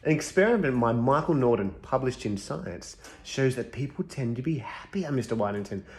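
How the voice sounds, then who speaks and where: A man's voice: medium pitch, expressive, normal speed, darkish tone, close to an everyday voice. A man playing a scruffy, cocky expert on compassion who confidently lectures through a list of studies in a comedic school chapel sketch. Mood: cocky lecturing. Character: scruffy bearded male compassion specialist, cocky.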